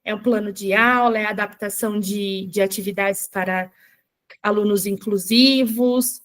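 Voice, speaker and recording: A woman running a live online workshop for teachers, chatty and checking in with her viewers, reading screen text aloud slowly, with a Brazilian Portuguese accent. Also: mid-range voice, fairly even intonation, fairly bright tone. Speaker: teacher trainer.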